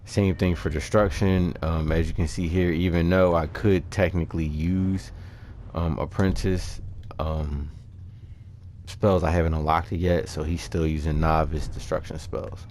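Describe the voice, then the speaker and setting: In a flat, low, somewhat dark voice, a gaming creator explains his character build off the cuff, speaking informally with hesitations and slang. A little hiss or hum sits under the recording.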